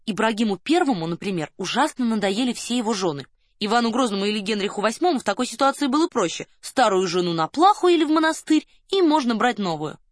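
A woman reading a detective audiobook aloud in an even, storytelling manner. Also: fairly high pitch, fast, no room sound, studio quality. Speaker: audiobook narrator. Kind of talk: scripted narration.

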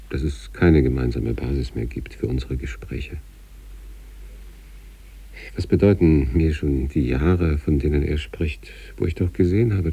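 Playing an obsessive sanatorium patient in a literary radio monologue, a man reads letters to his wife with measured, introspective intensity, quiet yet impatient. His dark low voice is husky, gravelly and exaggerated. He sounds far from the mic.

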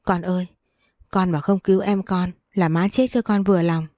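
A woman's voice: on the low side, steady tone, moderate pace, dark tone, dry recording, clean studio sound, lightly acted. A woman voicing a wailing, selfish old mother. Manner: wailing, guilt-tripping.

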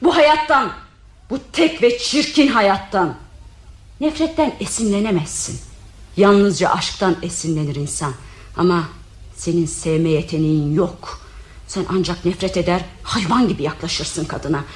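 An actress playing an anguished, unstable married woman in a broadcast radio drama, who lurches between scornful laughter, shouting and quiet confession. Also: high voice, animated, moderate pace, echoey room. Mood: bitter, scornful.

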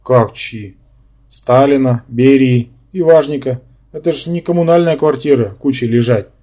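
A man's voice: medium pitch, warm tone, lo-fi sound, natural voice. A man voicing a male brain-polyp symbiont who lectures and argues, in an audiobook. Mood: lecturing. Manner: lecturing, quick to take offence.

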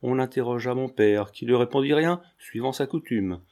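Give me a man narrating a novel in a calm, measured voice. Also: medium pitch. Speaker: audiobook reader. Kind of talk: scripted narration.

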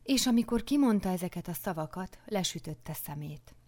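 A woman narrating a novel in the first person for an audiobook, hushed and often dropping into a whisper. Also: fairly low pitch, lively intonation.

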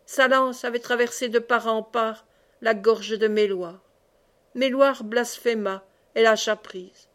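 A woman reading a classic novel aloud as an audiobook, expressive in the dialogue. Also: fairly high pitch, slow pace. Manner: expressive, raises voice for cries. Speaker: audiobook reader.

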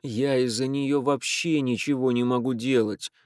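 A man's voice: medium pitch, fairly even intonation, moderate pace, darkish tone, dry recording, studio quality, close to an everyday voice. A man reading aloud voices an irritable young man complaining about his pestering younger sister. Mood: exasperated. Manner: grumbling, exasperated. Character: irritable young man, exasperated older brother.

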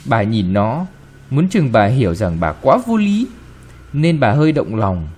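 Slow, expressive male storyteller. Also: medium pitch, husky. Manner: expressive, varied delivery. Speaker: narrator. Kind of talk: storytelling reading of a short story.

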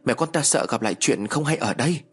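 A man's voice: mid-range voice, lively intonation, fast talker, slightly rough, voice pushed up. A man voicing a cautious, worried older mother-in-law. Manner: fearful, coaxing.

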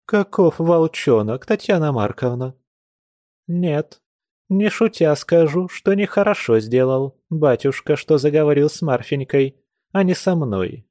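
A man's voice: expressive, unhurried, dark tone, dry recording, studio quality. A man reading an audiobook, voicing a stern, fussing old grandmother who scolds. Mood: scolding. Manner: scolding, raised higher voice.

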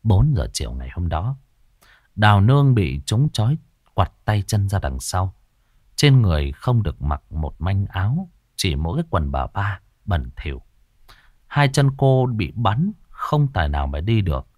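A man narrates a ghost story in a dramatic, expressive voice, sitting on the low side. His pitch moves in a lively way, and the recording is close and dry. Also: moderate pace, no room sound.

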